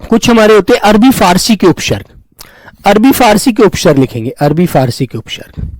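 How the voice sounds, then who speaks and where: A man with a high voice teaches grammar to an online class, repeating each term slowly and calling his students dear children. He stops to answer viewers' comments. The sound is dry and close. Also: sing-song, dry recording, low-quality recording. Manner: addresses students fondly as children, repeats terms.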